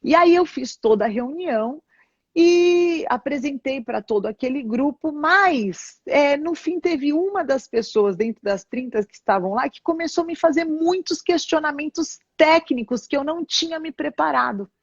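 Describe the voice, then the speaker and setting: Speaking at a normal pace in a high-sitting voice, a church bishop with a Brazilian Portuguese accent recounts her own testimony during an interview. She's a lively storyteller who performs the conversations she describes, and the audio sounds dull, dry and echo-free.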